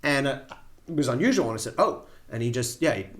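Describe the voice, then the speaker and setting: Bright-voiced man telling stories. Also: medium pitch, expressive, fast. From United States. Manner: vivid storyteller, plain-spoken. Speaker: former federal prosecutor, guest. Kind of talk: storytelling in a podcast interview.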